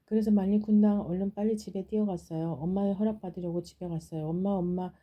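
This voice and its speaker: A woman's voice: mid-range voice, little pitch movement, fast talker, mellow. A woman telling a folktale aloud in a casual way, with plain, simple phrasing. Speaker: storyteller.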